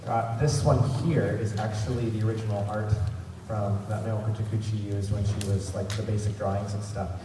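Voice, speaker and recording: Hosting a fan panel in a big convention centre room, a man speaks in a lowish voice with fairly even intonation, at normal speed and with few pauses. His presentation is informal, rambling and enthusiastic, captured from a distance in a noisy, echoey hall.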